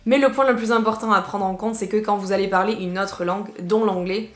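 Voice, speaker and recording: A woman from southwest France, with the region's accent, teaches English in a casual video lesson, chatty and lively and slipping in English phrases. Her medium-pitched voice moves briskly and sounds reverberant.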